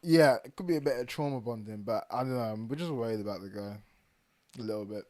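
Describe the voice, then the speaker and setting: A man's voice: mid-range voice, fast talker. Laughing young podcast man. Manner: animated, laughs often, trails off quietly when serious. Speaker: podcast co-host. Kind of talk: casual chat.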